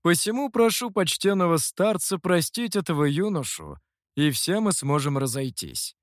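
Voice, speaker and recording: Brief: a male reader plays a calm, courteous master, measured and polite, in an audio story. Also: on the high side, no echo, clean studio sound. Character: calm, polite master who is older than he looks.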